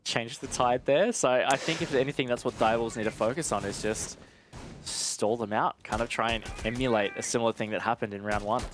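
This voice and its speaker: Chatty and analytical, a man provides live esports commentary, explaining the match conversationally and checking in with "right?". His voice is mid-range and a little fast.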